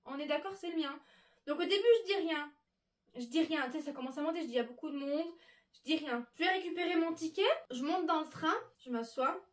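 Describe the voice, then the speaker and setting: A woman telling a story to her viewers while sorting her clothes, chatty and animated. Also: high voice, quick pace. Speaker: vlogger. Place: bedroom with wardrobe. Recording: echoey room, mic at a distance.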